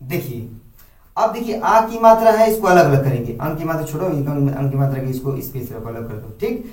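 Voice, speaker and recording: A man's voice: fairly high pitch, expressive, brisk, darkish tone. A man teaching a grammar lesson in a classroom style. He repeats each point and keeps asking his students questions, then answers them himself. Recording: echoey room, voice from a distance.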